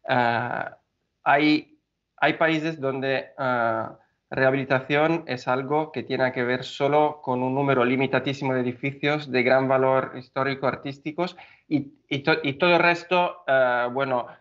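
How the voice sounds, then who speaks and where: An Italian man appears as a hesitant guest engineer on a podcast interview, his mid-range voice steady in tone and a bit bright, with an Italian accent. He speaks haltingly, with many fillers and restarts, and the sound is muffled and lo-fi.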